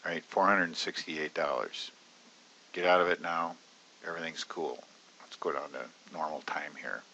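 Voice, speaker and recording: Low-voiced man walking through a trade. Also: moderate pace, pushed and bright, highs cut off, a little hiss or hum. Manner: casual, chatty, many fillers, bursts into high-pitched alarm retelling panic. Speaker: options trading educator. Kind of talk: screen-recorded trading walkthrough.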